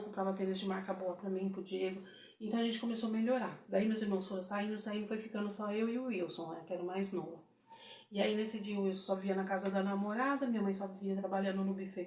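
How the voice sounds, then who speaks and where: A woman with a Brazilian Portuguese accent, casually telling a story to camera, chatty and animated, acting out the people she talks about. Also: medium pitch, echoey room, far from the mic, slight background noise. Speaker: vlogger. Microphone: phone.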